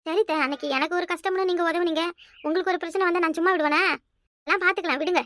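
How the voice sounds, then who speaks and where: A woman voicing a calm elder daughter-in-law in a cartoon, speaking with a Kanyakumari Tamil accent in a soothing, teasing manner. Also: very high voice, racing. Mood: reassuring. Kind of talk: cartoon voice acting.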